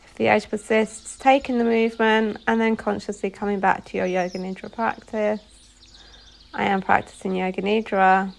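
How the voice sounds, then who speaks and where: This woman, a yoga nidra instructor, has a gravelly mid-range voice that barely moves in pitch. She leads a guided meditation, calmly giving instructions one phrase at a time with pauses.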